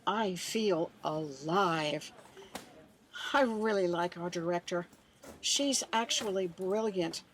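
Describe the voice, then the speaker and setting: An elderly woman taking her first stage role, as an actress plays her, talking slowly and sincerely. Her pitch is middling, and there is faint ambient noise behind her. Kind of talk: comedic audio drama.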